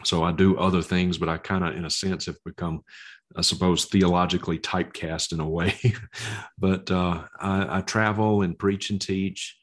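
A man from the American South speaks in a low-pitched voice with a Southern drawl. He is a preacher talking conversationally as a guest in an interview. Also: steady tone, moderate pace. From Mississippi, US.

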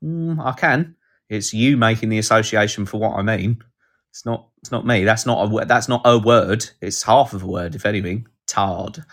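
Rambling man with a low voice. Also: fairly even intonation, normal speed. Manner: rambling, jokey, reads out chat comments. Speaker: podcast host. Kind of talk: casual live podcast chat.

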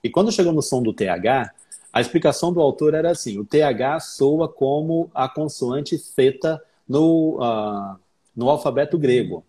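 A man's voice: medium pitch, expressive, moderate pace, warm tone, slightly rough. A man from Brazil, an English teacher, chatting as an interview guest and acting out his own past thoughts as he tells stories. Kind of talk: casual interview chat.

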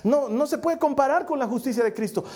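A man's voice: very high voice, fairly quick, darkish tone. A middle-aged man preaching a sermon as pastor, with playful self-mocking humor that shifts into earnest exhortation. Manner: shifts between jokey asides and earnest preaching.

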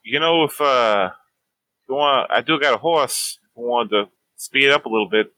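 A man's voice: medium pitch, normal speed, pushed and bright, low-quality recording. A man playing a tabletop game, chatting casually and describing what his character does.

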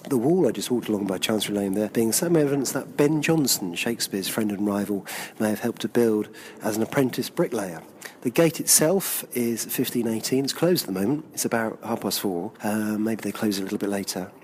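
A man's voice: on the low side, expressive, brisk, a little mellow, slight background noise. A man working as a walking tour guide, chatting enthusiastically as he walks outdoors through the city and describes the sights around him. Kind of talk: on-location podcast narration. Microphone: handheld recorder on location.

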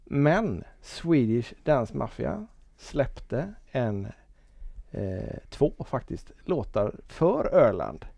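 A man hosting a podcast in casual chat, cheerful and quick to laugh. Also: medium pitch, very animated, gravelly, mellow, dry recording. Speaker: podcast host.

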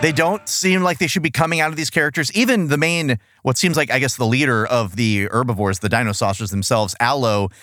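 A man's voice: medium pitch, brisk, hardly any pauses, fairly bright tone, no echo, clean studio sound. A man co-hosting a podcast, reviewing in an exasperated, profane, casual and comic way. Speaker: podcast co-host.

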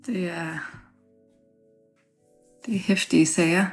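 A woman interviewer with a fairly low voice asks gentle, probing questions at a relaxed conversational pace. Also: soft background music. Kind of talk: casual interview talk.

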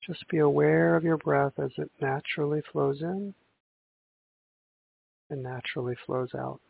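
A man leading a guided meditation in a slow, soothing sleep story narrator manner, with long pauses between gentle instructions. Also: a little high, fairly even intonation, gravelly, breathy edge, no room sound. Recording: muffled, phone-like narrow sound.

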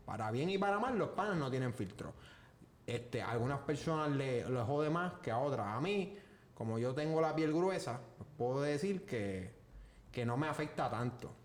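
A man's voice: lively intonation, normal speed. A man hosting a podcast, joking and rambling, often restarting his sentences. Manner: joking, rambling, self-interrupting. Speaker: podcast host. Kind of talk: casual chat. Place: podcast studio. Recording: echoey room with faint rumble.

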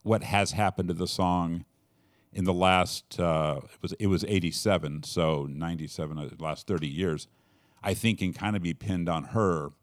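A man's voice: deep voice, normal speed, no room sound, clean studio sound. A man hosting a casual discussion, rambling and often restarting his sentences as he thinks aloud. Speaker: podcast host.

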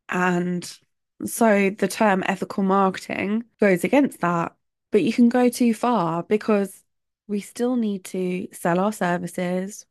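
Nursing a sore throat, this podcast host chats away on her own show, sharing opinions and laughing between points. Her voice is mid-range and a little mellow, captured in a dry, clean studio recording.

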